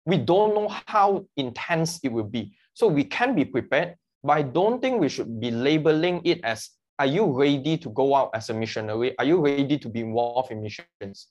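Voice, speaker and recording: A man's voice: mid-range voice, animated, moderate pace, hardly any pauses, darkish tone, lo-fi sound. A man speaking as a guest about his work as a mission mobilizer, earnest and explaining with analogies. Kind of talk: conversational interview.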